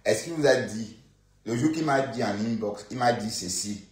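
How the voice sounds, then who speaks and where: A man's voice: mid-range voice, moderate pace, roomy sound. A man from Bandundu with a Congolese French accent, rambling through casual live-stream gossip, full of fillers and asides to his viewers.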